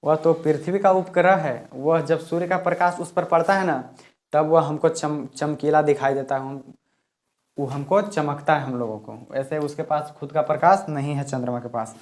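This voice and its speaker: A man's voice: on the high side, moderate pace, darkish tone. Man teaching physics. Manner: explains step by step, repeats key words. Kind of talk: classroom lesson at a board.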